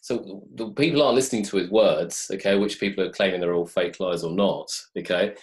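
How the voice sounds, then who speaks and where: A man's voice: low-pitched, brisk. A man, a business advisor, making a point in a discussion with hesitant restarts, often checking with "okay?". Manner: hesitant, repeats words, says "okay?" often. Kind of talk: casual discussion.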